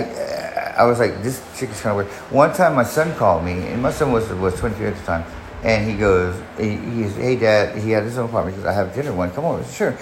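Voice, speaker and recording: A man's voice: fairly low pitch, gravelly. Rambling man telling a story, roomy echo. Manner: rambling, profane, many restarts. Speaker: podcast host. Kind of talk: personal storytelling monologue. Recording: echoey room, faint background noise.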